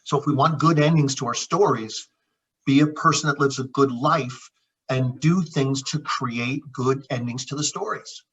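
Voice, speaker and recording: A man's voice: mid-range voice, normal speed, a bit bright. A middle-aged man, a naturopath and chiropractor, telling personal stories in an earnest, reflective conversational way, often calling his co-host by name. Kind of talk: heartfelt conversational storytelling. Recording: dull lo-fi sound.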